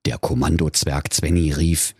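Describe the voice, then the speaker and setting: A man's voice: extremely low pitch, steady tone, unhurried, darkish tone, breathy edge, no echo. A man narrating a comic fairy tale for children in a playful, mock-dramatic way, addressing the kids directly. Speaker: storyteller.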